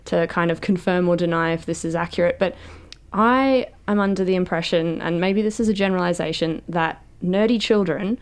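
A woman hosts a science show on the radio in a casual, chatty way. Her voice sits a little low for a woman. She sounds curious and inquisitive, talking live in a studio. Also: brisk, clear, resonant tone.

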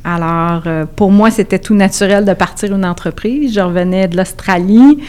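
A woman's voice: mid-range voice, normal speed, a little mellow, smooth. Upbeat Québécois businesswoman guest. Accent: Québécois French. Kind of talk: radio interview.

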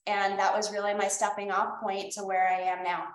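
A woman's voice: mid-range voice, little pitch movement, brisk, reverberant, poor audio. A middle-aged woman with a mild Boston accent, giving conversational answers as an interview guest. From Boston area, Massachusetts, USA. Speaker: interview guest, EMS professional.

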